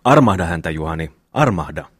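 A man's voice: sits low, lively intonation, breathy edge, no room sound, studio quality, pitched below the performer's own voice. Eero, a man reading a sly teasing youngest brother.

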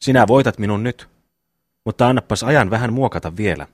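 A man reading the part of a slow, good-natured young brother in an audiobook, plodding and homely. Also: on the low side, dry recording, close to an everyday voice.

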